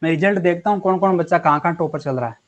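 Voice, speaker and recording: High-voiced, chatty male chemistry teacher. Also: very fast, lo-fi sound. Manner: chatty and encouraging, calls students beta and yaar. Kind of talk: casual online class teaching.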